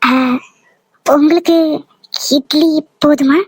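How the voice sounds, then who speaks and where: Feisty young village wife, sharp tongue, very high pitch, dry booth sound; woman voices her. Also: moderate pace, no echo. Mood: fretful. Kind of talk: cartoon voice acting.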